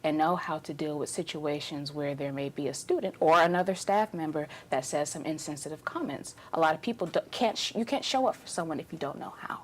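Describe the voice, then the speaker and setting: A woman in her twenties from Alabama speaks in a notably low voice. She talks earnestly and with emphasis as a paralegal fellow in a group discussion. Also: a little fast, few pauses, slightly rough. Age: 20s.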